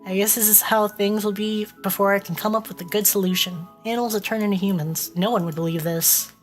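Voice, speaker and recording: A woman streamer with a stuffy, congested voice reads a visual novel aloud, playfully breaking off to joke with her chat. She speaks briskly at a medium pitch with fairly even intonation, and faint music plays behind her.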